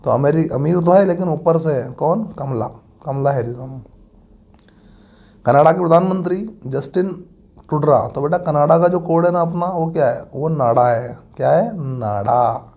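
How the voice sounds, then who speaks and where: Man, exam-prep teacher, homely, mellow dark voice, somewhat high. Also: a little slow. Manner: homely, addresses students as beta and bhaiya. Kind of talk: exam-prep mnemonic lesson.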